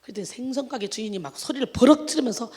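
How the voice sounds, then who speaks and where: Fast high-voiced woman preaching. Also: animated, a little mellow, husky, in a large hall. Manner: emphatic, with hallelujah exclamations and rhetorical questions. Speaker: pastor. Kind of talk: sermon.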